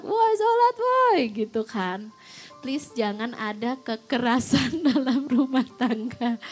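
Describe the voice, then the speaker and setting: Chatty young woman preaching. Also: a little high. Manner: chatty, mixes English phrases, frequent fillers. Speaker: Islamic preacher. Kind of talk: casual religious talk.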